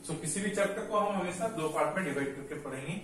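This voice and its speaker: A man's voice: fairly high pitch, fast talker, fairly bright tone. Man teaching chemistry in an echoey room. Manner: explains step by step, asking and answering his own questions. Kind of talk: classroom lecture. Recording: echoey room, mic far off, faint noise.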